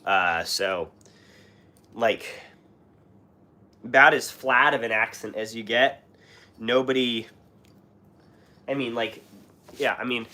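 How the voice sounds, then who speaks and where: This young host from Washington State has a mid-range voice with a sharp tone and a US West Coast accent. Sick and coughing, clearing his throat, he answers viewers casually on a livestream, rambling with fillers and restarts.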